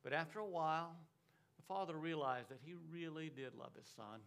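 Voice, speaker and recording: High-pitched guy giving a sermon, keeps asking okay? amen?. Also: lively intonation, brisk, a bit bright, smooth. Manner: emphatic preaching with repeated words and frequent "okay?" and "amen?" checks. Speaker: pastor.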